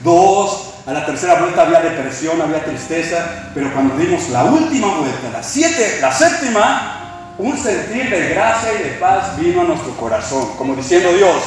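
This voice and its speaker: A man preaching a sermon as pastor, impassioned, slowing down to stress his points. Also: on the high side, big pitch swings. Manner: impassioned preaching, slows for emphasis. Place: church sanctuary. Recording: echoey room, preacher far from mic.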